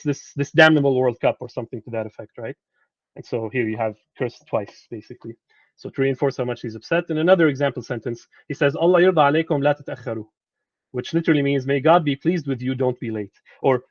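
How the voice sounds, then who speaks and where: A man gives a lecture to students in an easy, conversational tone. He often stumbles and repeats words while he looks for the right one. His voice is mid-pitched, and the recording is dry and a little dull. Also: no echo. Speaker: translator giving a presentation.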